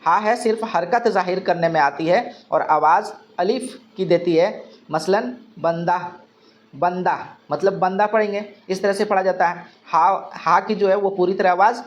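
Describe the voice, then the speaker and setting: A man's voice: high-pitched, normal speed, hardly any pauses, lo-fi sound. A male teacher giving an exam-prep grammar lesson, asking questions and answering them himself, repeating key terms.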